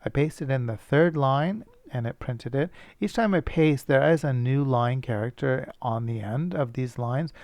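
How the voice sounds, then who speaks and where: A man's voice: mid-range voice, measured pace, hardly any pauses, a little mellow, dry recording. A male teacher thinking aloud as he works through a coding problem, casual and self-correcting. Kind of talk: screencast coding lesson.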